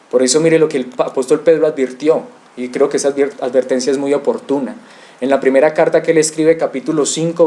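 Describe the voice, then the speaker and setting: A man's voice: on the high side, warm tone. A male pastor preaching an expository sermon, asking rhetorical questions and addressing the congregation directly.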